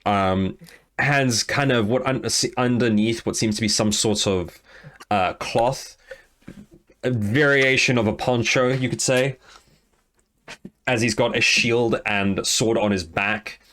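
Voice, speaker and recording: A man's voice: mid-range voice, takes it slowly, a bit bright. A man running a tabletop game as game master, narrating loosely with lots of hesitant fillers.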